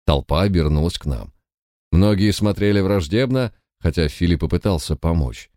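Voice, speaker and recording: A man reading an audiobook, narrating in a measured, even storyteller's manner. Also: low voice, dry recording, studio quality. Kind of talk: scripted narration.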